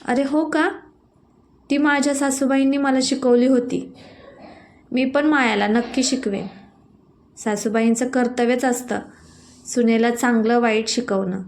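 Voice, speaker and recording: A proud older mother-in-law talks in a warm yet bossy manner, as a woman reads her in a storybook. Her voice sits fairly high and sounds clearly pleased with herself. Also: steady tone, a little slow.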